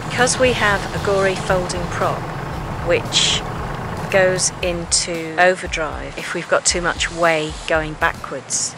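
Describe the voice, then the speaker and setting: A woman's voice: lowish voice, background noise. A middle-aged woman co-hosting a sailing vlog, narrating and chatting in a cheerful, chatty way. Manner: cheerful, chatty, laughs often. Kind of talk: casual vlog narration and chat. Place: outdoors on a sailboat in a marina.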